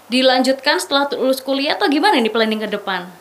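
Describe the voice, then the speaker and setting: A young woman hosts a casual studio chat. Her voice sits high and she talks in a chatty way, laughing often between questions. Faint noise hums behind her. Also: animated, fast, fairly bright tone. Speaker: talk show host.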